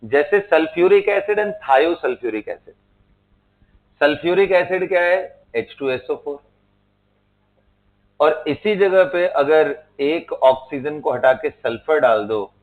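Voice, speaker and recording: A man with a voice on the high side teaches a chemistry class lecture-style, moving at a slow pace with long pauses. He mixes Hindi and English, spells out terms letter by letter and checks in with his students, heard through tinny, phone-like lo-fi audio.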